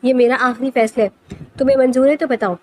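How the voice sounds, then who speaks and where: A woman's voice: high-pitched, steady tone, mellow, slight background noise, natural voice. A woman voicing an angry, domineering grandfather who heads the clan, speaking in a firm, final way in a storybook reading. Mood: stern commanding. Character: stern old male clan patriarch, commanding.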